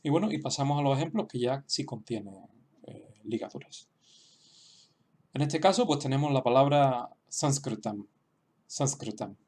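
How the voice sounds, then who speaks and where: A man explaining a writing lesson slowly, with frequent fillers and restarts. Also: medium pitch, darkish tone. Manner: hesitant, many restarts and fillers; slow, explanatory. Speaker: language teacher. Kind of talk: online lesson.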